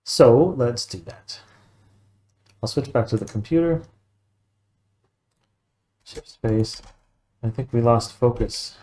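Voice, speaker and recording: Mellow-voiced man giving a tech walkthrough. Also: mid-range voice, takes it slowly, long pauses. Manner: methodical, matter-of-fact, thinking aloud. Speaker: computer repair technician, video host. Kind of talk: casual screen-by-screen tech walkthrough.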